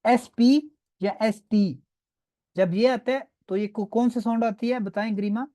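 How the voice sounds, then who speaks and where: A man's voice: high voice, measured pace, dark tone. Patient male teacher drilling pronunciation. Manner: patient, drilling, checks in with "okay?" often. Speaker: language teacher. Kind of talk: online class lesson.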